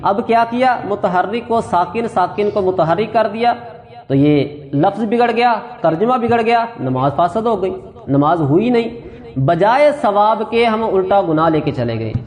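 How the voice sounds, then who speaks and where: A man's voice: high voice, animated, darkish tone. A man teaching religious rules on prayer and correct recitation, explaining step by step and repeating his points. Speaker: qari teaching Quran recitation. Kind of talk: religious lesson on prayer and tajweed. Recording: echoey hall reverb.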